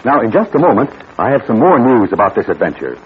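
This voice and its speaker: A male announcer talks up the next installment in a lively, chummy tone. His pitch moves freely up and down. It comes through as an old radio show, tinny with a light hiss behind it. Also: quick pace. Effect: old radio show sound.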